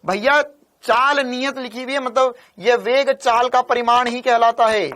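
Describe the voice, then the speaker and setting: Hoarse, animated Hindi-speaking physics teacher. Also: male voice, extremely high pitch, unhurried, a little hiss or hum. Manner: animated, teasing, scolds students playfully, voices student replies himself. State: hoarse, voice worn from shouting. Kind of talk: live online exam-prep lecture.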